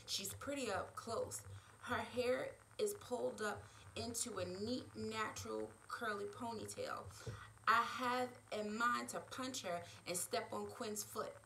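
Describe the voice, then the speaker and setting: Slow, bright-voiced woman reading her novel. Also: a little high, gravelly, a little hiss or hum, rough recording. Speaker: author.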